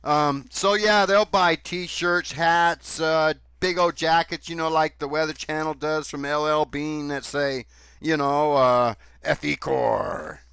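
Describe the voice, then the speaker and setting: Sarcastic man with a smooth voice. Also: a little high, fairly even intonation, slow, bright, forceful tone, dry recording. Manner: sarcastic, scornful, swears. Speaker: commentary host. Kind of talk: sarcastic commentary on played clips.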